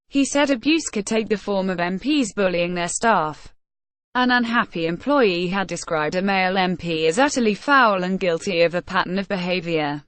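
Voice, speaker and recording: A woman's voice: medium pitch, no room sound. Woman reading a news column, dry. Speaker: article reader. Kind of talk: read-aloud news column.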